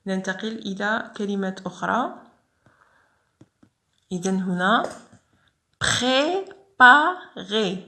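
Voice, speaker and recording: A woman's voice: mid-range voice, animated, a little slow, long pauses, sharp tone. A woman teaching French reading in a patient lesson style, drawing out syllables and repeating words. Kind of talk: slow spelled-out reading lesson.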